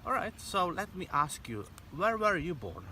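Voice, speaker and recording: A man's voice: high-pitched, very animated, normal speed, pushed and bright. A man in his thirties hosting an outdoor interview and speaking English with a non-native accent. He asks questions eagerly, with hesitant fillers. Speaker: host and interviewer. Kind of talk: casual interview. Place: outdoors in a sunny park by a pond. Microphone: camera mic at a distance. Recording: distant outdoor mic, faint background noise.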